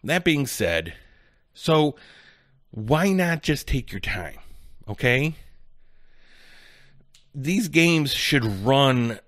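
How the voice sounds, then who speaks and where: Podcast host, male, mid-pitched voice, rambling rant, dry close recording. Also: sing-song, drawn-out words, long pauses, a bit bright, no echo. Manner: rambling, exasperated ranting. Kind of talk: casual solo podcast talk.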